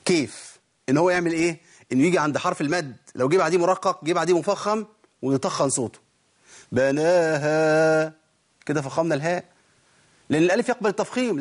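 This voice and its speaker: Speaking with an Egyptian Arabic accent in a slightly high voice, a man gives a recorded lesson on Quran recitation. He poses rhetorical questions and lengthens example words slowly so they can be heard clearly.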